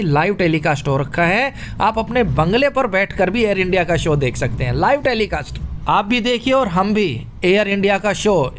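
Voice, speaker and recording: A man's voice: high voice, a little hiss or hum. A man teaching a current affairs quiz lesson, joking through memory tricks and calling his listeners brother. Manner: playful, jokey mnemonics, addresses listeners as brother. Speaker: exam coaching teacher.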